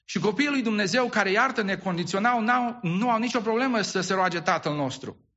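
A man's voice: high-pitched, pushed and bright, muffled recording. A man preaching a sermon as pastor, asking the congregation rhetorical questions and often repeating and restarting his words.

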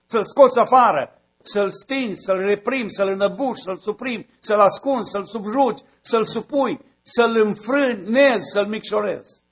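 Husky high-voiced man preaching. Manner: builds to emphatic repeated phrases. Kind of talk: sermon.

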